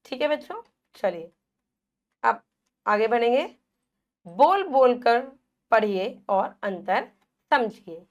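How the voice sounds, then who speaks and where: Woman teacher, high voice, slow deliberate delivery, drills vowel sounds for small children. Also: sing-song, highs cut off. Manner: asks questions and answers them herself. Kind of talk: children's Hindi phonics lesson.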